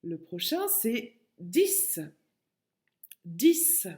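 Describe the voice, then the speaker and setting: Slow, patient French teacher woman. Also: fairly high pitch, sing-song, dark tone. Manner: slow, patient, spells words out syllable by syllable. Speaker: kindergarten teacher. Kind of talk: recorded lesson for a child at home.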